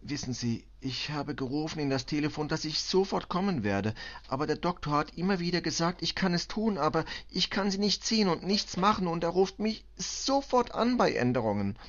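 A man voicing a distraught middle-aged immigrant cleaning woman, who speaks halting, broken German with a Balkan accent through tears. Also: on the high side, expressive, fairly bright tone, muffled recording, voice pushed up. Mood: pleading. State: tearful.

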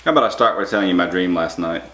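A man's voice: low-pitched, racing, fairly bright tone. A middle-aged man telling dad jokes, setting each one up and then giving the punchline. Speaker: dad hosting a joke challenge. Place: home dining room, indoors. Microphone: camera across the table. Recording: roomy echo, noticeable background noise.

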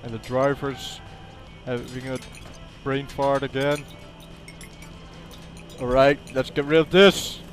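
Man, gamer commentary, excitable and jokey, slow drawn-out delivery with loud outbursts. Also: medium pitch, faint music behind. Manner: excitable, yelling exclamations and swearing; jokey, talks to things in the game. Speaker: gaming video creator. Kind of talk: gameplay commentary.

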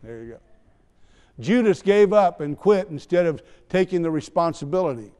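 A man's voice: a little high, expressive, normal speed, warm tone, clear, resonant tone. A man preaching a sermon in a church, talking conversationally with asides and light teasing. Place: church sanctuary. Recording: long church hall reverb.

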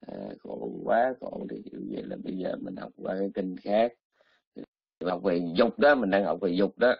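A man's voice: low voice, normal speed, creaky, breathy edge, dry recording. A male Buddhist monk, giving a chatty, teasing dharma talk full of exclamations. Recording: slightly muffled lo-fi recording.

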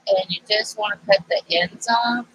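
A woman's voice: mid-range voice, steady tone, normal speed, background noise. A woman hosting a casual craft tutorial, chatty and thinking aloud, her voice stuffy and nasal from allergies. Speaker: craft channel host.

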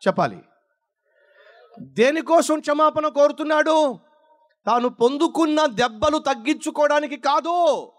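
Male pastor, high voice, dramatic sermon delivery with big pitch drops. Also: a bit bright. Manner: dramatic, acts out dialogue, big swings between high and low.

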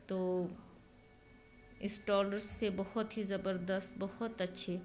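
A chatty woman talks through a casual shopping vlog at an open-air market, speaking into a handheld phone. Her voice sits at an ordinary middle pitch. Faint market noise runs underneath her. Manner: chatty, leans on the filler "jo hai" a lot. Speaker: vlogger. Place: open-air flea market stalls outdoors.

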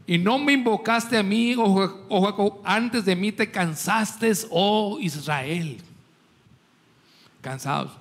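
Pastor, man with a high voice, preaching, quizzing and joking with his flock. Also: slow pace. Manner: preaching with rhetorical questions to the congregation; jokes with the congregation. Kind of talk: sermon.

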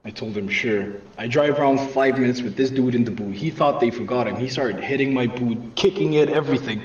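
A man casually telling a profane comedic story in a deadpan way, with constant swearing. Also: medium pitch, brisk. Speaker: storyteller on a comedy game night. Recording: distant echoey room, dull lo-fi mic, faint noise.

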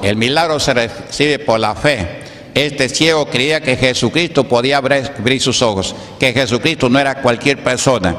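A man preaches a Pentecostal sermon at a mid-range pitch. He keeps throwing rhetorical questions at his congregation. His voice rings with the long echo of a church hall. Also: normal speed, a bit bright, slight background noise. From Peru. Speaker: pastor.

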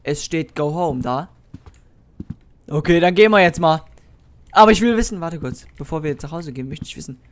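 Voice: mid-range voice, animated, fairly quick, long pauses. A gaming YouTuber giving horror let's play commentary, jumpy and easily startled, swearing with youth slang and talking straight to viewers. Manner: talks directly to viewers.

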